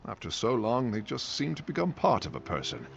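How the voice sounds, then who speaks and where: An actor playing a gruff old fisherman in a video game, musing and wistful. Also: on the low side, wildly swooping pitch, a little fast, a little hiss or hum, full character voice. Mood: grateful, wistful. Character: gruff old sailor questgiver, grateful and wistful. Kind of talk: video game character acting. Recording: muffled game audio with music behind. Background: game music.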